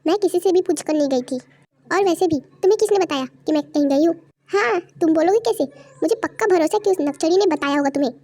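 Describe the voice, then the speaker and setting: Sassy young wife talkin back fast and bold, very high pitch, a young voice doing her. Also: darkish tone. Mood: angry. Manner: bold, quick retorts. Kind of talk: amateur Hindi fan audio drama.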